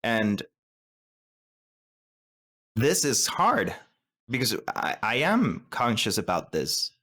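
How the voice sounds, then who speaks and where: A man's voice: mid-range voice, sing-song, slow pace, pushed and bright, slightly rough. A man from Rica, co-hosting a podcast and talking thoughtfully, often stumbling and restarting as he searches for words. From Costa Rica. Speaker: co-host. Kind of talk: podcast discussion.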